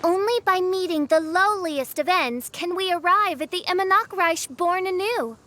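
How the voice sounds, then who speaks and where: A woman's voice: very high voice, moderate pace, pushed and bright. A woman voicing a grandiose, theatrical young princess of darkness who declaims in pompous, archaic phrases in a video game. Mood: grand, solemn. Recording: faint music behind the voice.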